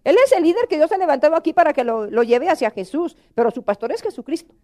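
A middle-aged woman preacher delivering an emotional, pleading sermon. Her voice sits high, with a warm, mellow tone. She keeps turning to the congregation as brothers and sisters. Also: lively intonation, fast.

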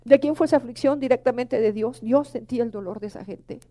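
A woman's voice: a little high, quick pace, mellow. A middle-aged woman preaching a sermon, emotional and pleading, often calling out to the congregation.

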